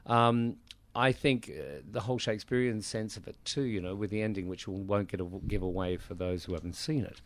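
Man, low voice, enthusiastic, expansive, dry studio sound. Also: fairly quick, hardly any pauses, no room sound. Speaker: musical theatre actor, guest. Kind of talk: casual interview chat.

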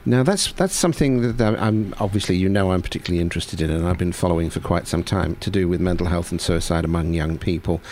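A wry man co-hosts a live radio panel from a studio, steering the talk at an unhurried, measured pace. His voice sits a little low, and he keeps a dry, easygoing manner. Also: a little mellow. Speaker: radio co-host. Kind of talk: casual radio panel chat.

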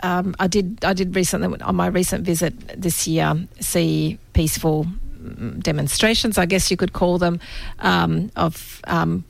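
Woman guest, very gravelly tone, hesitant, fillers. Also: fairly low pitch, steady tone, unhurried. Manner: hesitant, many ums and restarts. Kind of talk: casual chat.

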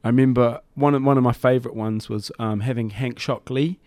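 A man's voice: mid-range voice, fairly even intonation, a little fast, a little mellow, no echo. A middle-aged man speaks with a broad New Zealand accent. He chats casually as an interview guest, with loose, rambling phrasing. The sound is dry, with no room around the voice. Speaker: hip-hop DJ and MC, interview guest. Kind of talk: casual studio interview chat. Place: studio.

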